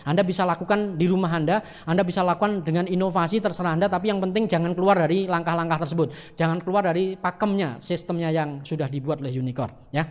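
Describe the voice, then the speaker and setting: A man's voice: sits high, fairly even intonation, fast talker, hardly any pauses. A man teaching a training lesson, addressing his audience directly and acting out sample phone calls in a lifted voice. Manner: acts out quoted phone calls in a raised voice. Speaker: network marketing trainer. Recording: long hall reverb.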